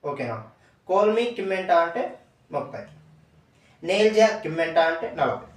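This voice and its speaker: Guy teaching numbers, kinda high voice, repeats everything twice, sounds a bit far off in a roomy space. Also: very animated, normal speed. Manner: patient, repeats each word twice and quizzes the viewer. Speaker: language teacher. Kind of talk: step-by-step language lesson. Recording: echoey room, away from the mic.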